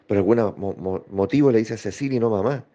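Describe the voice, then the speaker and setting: A man giving a slow, reflective spiritual talk, pausing often and checking in with his listeners. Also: fairly low pitch, dark tone. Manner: slow, thoughtful, with pauses and rhetorical checks. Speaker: spiritual teacher. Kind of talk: reflective spoken teaching. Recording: dull lo-fi recording.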